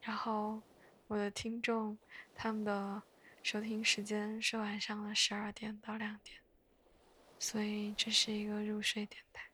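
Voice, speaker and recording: A woman chatting in a soft, breathy whisper for bedtime listening, hushed and gently unhurried, close to the mic. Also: medium pitch, completely flat delivery, a little hiss or hum. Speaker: host of a bedtime podcast.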